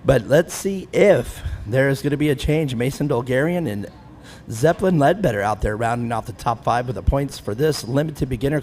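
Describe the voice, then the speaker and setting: A man in his fifties with a medium-pitched, darkish voice commentates live on an off-road race, with slight background noise. Perched in the grandstand at an outdoor track, he chats away, pokes fun at himself, and laughs a lot.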